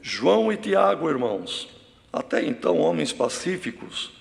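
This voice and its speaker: A man preaching a sermon in a slow, halting way, often calling out to the brethren. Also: a little high, big pitch swings, vocal fry, long reverb tail. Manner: slow, halting delivery with frequent address to the brethren. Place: church hall.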